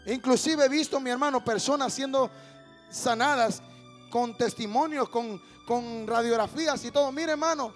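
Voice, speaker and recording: A man with a Honduran accent preaching a fervent evangelical sermon, speaking straight to his congregation and building up to shouts. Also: very high-pitched, moderate pace, soft background music.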